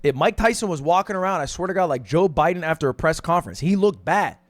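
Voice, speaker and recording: A man giving animated opinion commentary in a blunt, exasperated manner, swearing often. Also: fairly high pitch, fast, dry recording. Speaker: online commentator.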